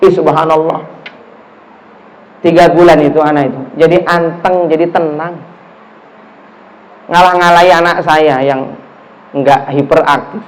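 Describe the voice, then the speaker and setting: Animated Javanese-accented preacher, high voice. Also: male voice, a little slow, long pauses, poor audio. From Java, Indonesia. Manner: animated storytelling, acts out dialogue, mixes in Javanese phrases. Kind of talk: lively mosque sermon in casual speech. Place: mosque.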